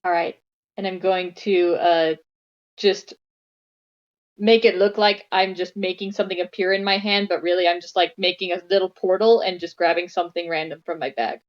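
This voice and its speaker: A woman's voice: lowish voice, steady tone, moderate pace. A woman playing in a tabletop game, chatty and playful. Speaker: player. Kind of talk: casual tabletop play. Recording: slightly dull mic.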